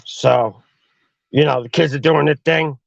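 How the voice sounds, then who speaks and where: Gravelly guy telling a creepy story, swears a ton, slangy, dry close dull audio. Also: on the high side, steady tone, measured pace, dry recording. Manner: profane, slangy. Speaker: podcast host. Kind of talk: crude horror storytelling.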